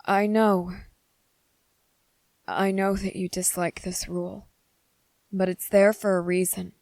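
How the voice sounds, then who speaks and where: Acting in a scripted ASMR roleplay, a woman portrays a gentle, brooding male vampire who loves possessively, with a gentle, sorrowful mood. Her mid-range voice is flat and carries vocal fry, unhurried and halting as she coaxes the listener tenderly. The sound is intimate and very dry, with no room around the voice.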